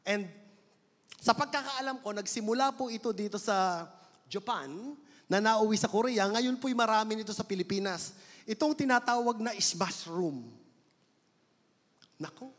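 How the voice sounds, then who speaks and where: A man preaching in a church hall speaks with a Filipino accent, mixing Tagalog and English and lengthening words for emphasis; the hall adds long reverb. His voice is high and fairly bright, with a measured pace and frequent pauses.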